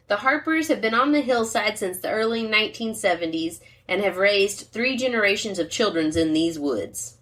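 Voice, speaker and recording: A woman's voice: mid-range voice, expressive, normal speed, fairly bright tone. A woman co-hosting a podcast in casual, rambling chat, reading a wine label aloud. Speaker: podcast co-host.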